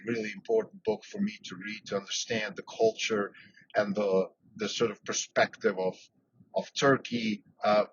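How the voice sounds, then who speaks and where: A man who grew up in Switzerland, hosting a solo podcast and thinking aloud, with frequent fillers and restarts. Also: on the low side. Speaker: podcast host. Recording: dull lo-fi sound with faint background noise.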